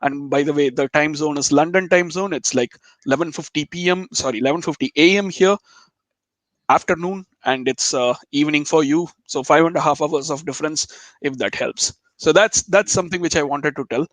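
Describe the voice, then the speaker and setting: A man's voice: fairly high pitch, brisk, a bit bright, dry recording, poor audio. A man from Chennai with a Telugu Indian accent, chatting casually as a webinar guest in an informal, jokey, digressive way. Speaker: guest speaker, web developer.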